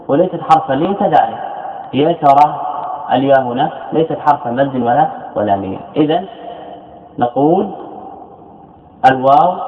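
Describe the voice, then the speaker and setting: A man teaching grammar as a scholar in a classroom lecture. He repeats key phrases and asks questions that he answers himself. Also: medium pitch. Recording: tinny echoey lecture hall recording.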